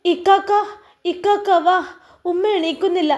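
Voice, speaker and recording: A woman voicing an affectionate young teenage daughter who speaks in a pleading, higher voice. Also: normal speed, darkish tone, lightly acted. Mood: anxious.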